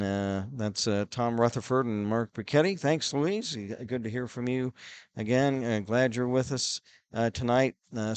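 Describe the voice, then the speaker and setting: Slow rambling hockey broadcaster, man. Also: medium pitch, clean tone, no echo. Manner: rambling, many fillers, reads viewer messages. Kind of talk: casual play-by-play filler chat.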